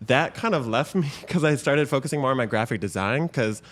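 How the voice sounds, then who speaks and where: Young Michigan-born creator, relaxed guest telling anecdotes in a chatty way. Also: male voice, mid-range voice, fairly quick. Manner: chatty storyteller, lively quoted asides. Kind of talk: casual podcast interview.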